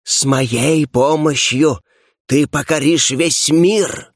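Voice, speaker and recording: Audiobook villain: man reading an imperious female darkness, slow and hissing, dry close recording. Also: a little high, no echo, voice pushed up. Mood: grandiose.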